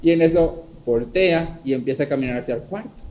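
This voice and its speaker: A man preaching a sermon, teaching step by step and often checking in with a quick "¿sí?", and acting out a story with lively voices. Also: a little high, poor audio. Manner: checks in with frequent "¿sí?". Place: church hall.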